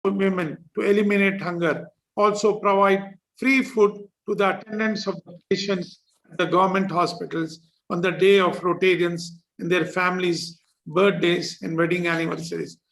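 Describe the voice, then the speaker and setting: A man with a notably high-pitched voice delivers a formal ceremonial address. He reads a prepared speech in a measured, dignified way, as a district governor speaking to club members. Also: level tone, vocal fry, a bit bright, rough recording.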